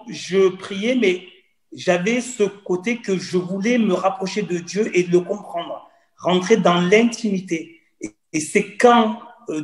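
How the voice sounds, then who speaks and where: A man in his forties from Cameroon, telling his personal story as a guest in an earnest, repetitive way. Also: sits high. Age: 40s. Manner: earnest, storytelling, repeats phrases. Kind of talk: personal testimony in conversation. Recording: roomy echo.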